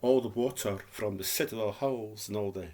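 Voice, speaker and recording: A lowish, mellow male voice talks at normal speed. The speaker, a Scottish vlogger in his fifties with a Dundee accent, has a speech impediment that makes r come out as w, and he chats casually and plainly, rambling and repeating himself.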